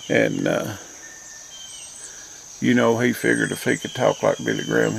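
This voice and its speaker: Gravelly older man with an Appalachian accent. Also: medium pitch, rough recording. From Appalachian mountains, southern US. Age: older, grandparent. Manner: folksy, plainspoken mountain dialect. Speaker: host. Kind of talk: rambling, reflective front-porch monologue. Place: outdoors, rural porch. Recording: outdoor insect and nature noise.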